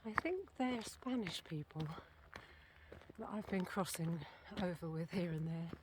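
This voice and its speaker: A walking vlogger from Britain speaks casually to her handheld camera outdoors, rambling, self-correcting, and a little short of breath. Her voice is fairly low-pitched with lively intonation and a measured pace, over background noise.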